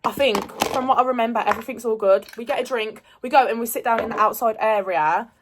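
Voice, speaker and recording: A woman's voice: fairly high pitch, fast, noisy background. A woman telling a rambling storytime vlog in casual chat, swearing freely. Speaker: storyteller vlogger.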